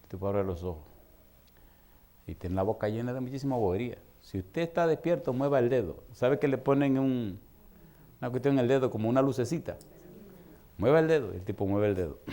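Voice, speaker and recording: A man preaching a sermon as pastor, telling a story and swinging from low murmurs to loud, high outbursts. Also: brisk. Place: church.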